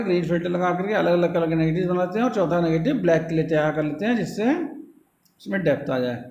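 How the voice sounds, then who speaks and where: High-voiced lecturer in an echoey room. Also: male voice, darkish tone, lo-fi sound, a little hiss or hum. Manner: explains in Hindi, reads English definitions slowly. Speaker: polytechnic lecturer. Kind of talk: classroom lecture video.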